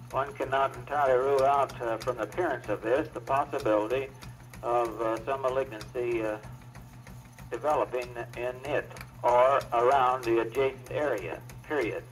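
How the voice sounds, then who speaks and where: A man on an old wire recording, a doctor dictating a medical report in a halting, steady manner with many filler pauses. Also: mid-range voice, poor audio. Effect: old wire recording played back.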